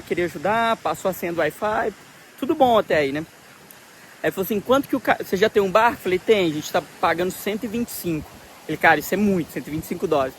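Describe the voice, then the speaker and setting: A Brazilian man telling a travel story in a casual vlog, excited and full of slang, recorded outdoors by the sea on a handheld camera. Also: sits high, a little hiss or hum. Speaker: travel vlogger.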